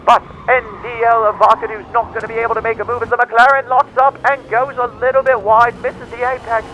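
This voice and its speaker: A man plays an excitable 1950s motorsport announcer with a very high-pitched, forceful voice. He calls the race in theatrical, dramatic play-by-play, like vintage game commentary. There is some background noise behind him. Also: poor audio. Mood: focused, dramatic.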